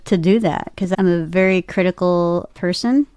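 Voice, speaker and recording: Speaking at a normal speed, the woman has a fairly low, smooth voice with a darkish tone. A voice actor and podcaster, she's a guest in a relaxed interview, recounting personal stories and frequently quoting her own inner thoughts.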